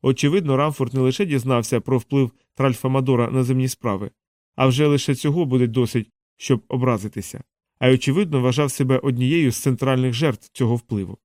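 A man narrating an audiobook in a steady, even storytelling manner. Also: medium pitch, a little fast, no room sound, clean studio sound. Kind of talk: scripted narration.

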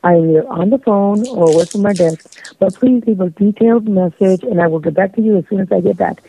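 A woman giving a recorded answering machine greeting as an office receptionist, in a polite, even phone-greeting way. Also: medium pitch, brisk, breathy edge, poor audio.

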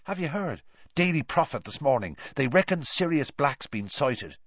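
A man voicing an excited, chatty teenage schoolboy sharing news in a storybook reading. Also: fairly high pitch, moderate pace, no room sound, highs cut off, pitched above the performer's own voice. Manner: eager, chatty.

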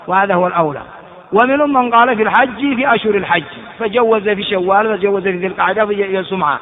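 A man giving an Islamic lesson on Quran commentary, explaining by repeating phrases and asking rhetorical questions. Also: high-pitched. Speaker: Islamic scholar teaching. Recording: tinny lo-fi recording in echoey hall.

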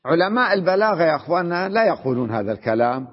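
A man plays a sheikh giving a grammar lesson, reading a text aloud, explaining it, and often making sure his students are following. His voice is husky, on the high side, rapid-fire, with big pitch swings. The recording is dull and lo-fi, made in a reverberant hall.

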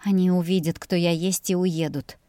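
A woman reading a first-person audiobook narration in a soft, measured way. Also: lowish voice, fairly even intonation, dry recording, studio quality.

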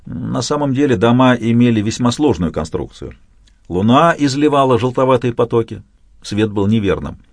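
A man narrating an audiobook in the first person, with a dramatic, expressive reading. His voice sits at an ordinary middle pitch and is recorded close and dry, with no room sound. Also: dry recording.

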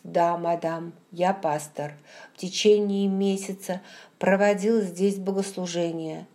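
A timid, earnest man of the cloth, half-starved and wary, drawn out slowly in an audiobook as a woman narrator puts him on. The voice sits lowish and warm, each phrase hesitant and hushed. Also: steady tone. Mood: timid, anxious. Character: frightened, starving male Protestant pastor, timid and earnest. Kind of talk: audiobook character voice.

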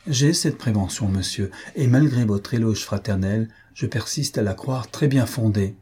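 A man's voice: lowish voice, normal speed, dark tone, breathy edge. A man voicing a dignified young woman who speaks in a firm, restrained manner.

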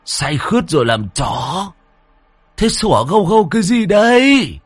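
A man's voice: high voice, very animated, a little slow, breathy edge, dry recording, clean studio sound, faint music behind, pitched above the performer's own voice, heavily acted. A man voicing a groggy, lame old drunk who grumbles. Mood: grumbling.

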